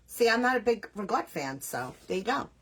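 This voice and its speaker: Woman, New York accent, husky voice, chatty host of a crafting stream. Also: mid-range voice, very animated, fairly quick, a bit bright. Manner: chatty, scattered, self-deprecating, reads viewer names aloud. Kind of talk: casual chat with live viewers while crafting.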